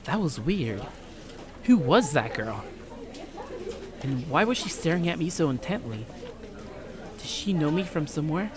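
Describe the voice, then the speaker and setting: A young man hosts a let's play, reading a visual novel aloud with irreverent, jokey, sweary commentary. His voice is a little high, with big pitch swings, a slightly slow pace, and long pauses. Game music plays behind him, and a crowd can be heard in the background.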